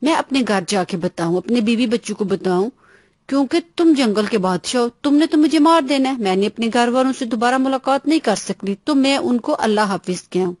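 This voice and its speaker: A woman's voice: fairly high pitch, lively intonation, a little mellow, no echo, clean studio sound. A woman voicing a crafty grown man, a farmer, who talks in a sly, mock-agreeable way in a children's story.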